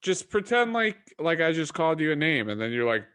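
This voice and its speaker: A man's voice: a little high, big pitch swings, brisk, a bit bright, smooth. A man co-hosting a show, bantering crudely and teasing strangers on video chat. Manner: joking, profane, teasing strangers. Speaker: podcast co-host.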